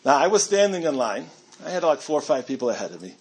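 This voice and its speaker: A man's voice: on the high side, very animated, quick pace, husky. A middle-aged man giving a storytelling talk to a community audience, chatty and self-amused, with frequent restarts.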